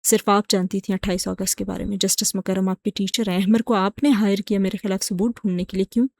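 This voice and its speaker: A woman's voice: medium pitch, flat delivery, vocal fry, natural voice. A woman reading the lines of a betrayed young man who accuses his wife bitterly. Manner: accusing, wounded, sharp questions.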